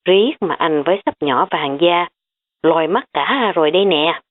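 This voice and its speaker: An easygoing middle-aged uncle, as a woman reads him, relaxed and teasing in a lowish voice. The audiobook audio is tinny, like a phone line. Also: moderate pace, close to an everyday voice. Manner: relaxed, joking.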